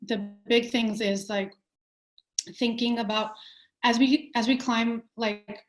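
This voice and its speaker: A young adult woman from Pakistan, a company founder, answers interview questions thoughtfully in a slow, fairly even, higher-pitched voice. Her speech is full of fillers and restarts, and the recording has a roomy echo.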